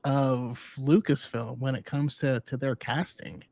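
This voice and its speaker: A man's voice: medium pitch, steady tone, measured pace, vocal fry, a little mellow, dry recording. Dry-sounding, chatty man on a podcast. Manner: thoughtful, chatty, laughs along. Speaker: podcast co-host. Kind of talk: casual chat.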